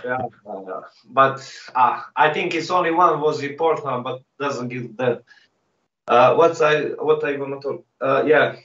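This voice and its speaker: A man who is not a native speaker, boasting cockily in halting, broken phrasing during a casual fight interview. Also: mid-range voice, fairly bright tone. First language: not English. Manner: cocky, boastful. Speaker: MMA fighter being interviewed. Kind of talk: casual pre-fight interview trash talk. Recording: dull, echoey, distant call-like sound.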